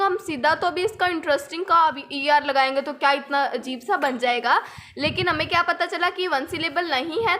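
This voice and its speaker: A woman's voice: very high voice, sharp tone, a little hiss or hum. A young woman teaching English grammar in Hindi, patiently repeating points and asking the viewer rhetorical questions. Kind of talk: explaining grammar lesson in Hindi with English examples.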